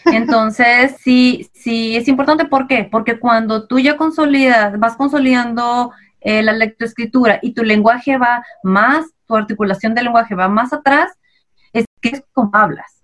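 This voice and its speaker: A woman's voice: a little high, a little slow, a bit bright. A woman with a Mexican accent, a child language specialist, patiently explaining in an interview and posing rhetorical questions. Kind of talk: expert interview answers.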